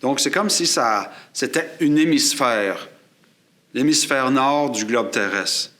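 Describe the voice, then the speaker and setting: A man gives a hands-on lesson about microphones. He talks in a mid-pitched voice, from a studio table, picked up by a shotgun mic on a boom aimed at his chest. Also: lively intonation, slow pace, pushed and bright. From Quebec. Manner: explanatory, demonstrating gear while talking. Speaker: photography and sound instructor. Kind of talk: classroom demonstration. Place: studio table set up for filming. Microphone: shotgun mic on a boom above, aimed at his chest.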